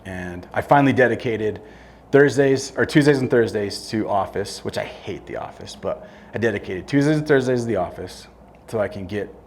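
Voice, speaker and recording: A middle-aged man speaks in a fairly low voice, plain and blunt, as a guest in an on-stage interview. He often breaks off and restarts his sentences. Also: normal speed, slight background noise. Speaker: construction company owner, guest. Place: event room with audience.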